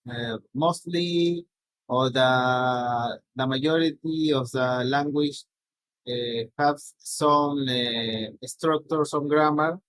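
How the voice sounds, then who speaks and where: A middle-aged native Spanish speaker from Peru, with a Peruvian accent, gives a slide presentation haltingly, often restarting and tagging sentences with "no?" His voice is mid-range and fairly bright, and the dry recording has poor audio.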